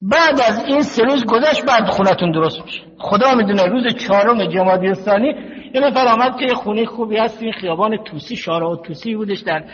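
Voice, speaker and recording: An older male cleric giving a slow, measured religious sermon, teaching through stories and quotations. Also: sits high, fairly bright tone. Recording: dull lo-fi recording in a reverberant hall.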